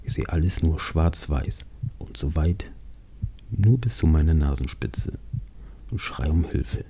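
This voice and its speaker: A man in his thirties narrating his own accident in the first person, halting and dramatic, slipping into hushed whispers. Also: a bass voice, expressive, husky.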